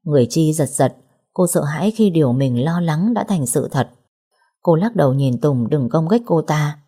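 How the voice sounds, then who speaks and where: A woman narrating a romance audiobook in a steady storytelling manner. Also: sits low, moderate pace, slightly rough.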